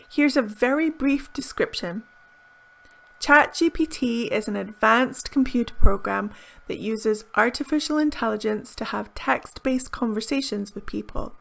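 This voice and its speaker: Recorded close to the mic in a small room indoors, a woman gives a scripted English lesson on video. She speaks to camera in an upbeat, bright way with crisp enunciation, her somewhat high voice dropping into gravelly fry as phrases end.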